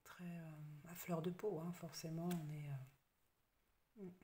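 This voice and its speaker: A woman giving a casual tarot card reading, hesitant with many fillers and soft half-whispered asides. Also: sits low, flat delivery, slow pace, slight background noise. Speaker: tarot reader.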